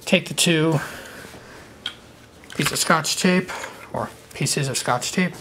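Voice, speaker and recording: A man's voice: fairly high pitch, slow pace. A man with a slight lisp from wearing a retainer, giving a casual, off-the-cuff hands-on tutorial. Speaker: trading card hobbyist giving a how-to. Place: indoor room at a desk. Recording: noticeable background noise, handling clicks.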